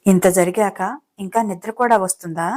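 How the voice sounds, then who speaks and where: A suspicious young bride from a romance audiobook who snaps back with sharp, scolding retorts, voiced by the woman narrator. Her pitch stays in the middle range, close to an everyday speaking voice. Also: fairly even intonation, moderate pace, natural voice. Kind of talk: audiobook character reading.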